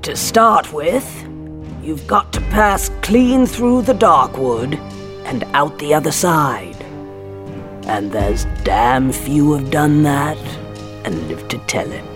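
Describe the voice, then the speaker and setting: A woman playing a blunt, ominous guide in a fantasy audio drama, speaking with drawn-out foreboding. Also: low-pitched, expressive, music in the background. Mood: brusque.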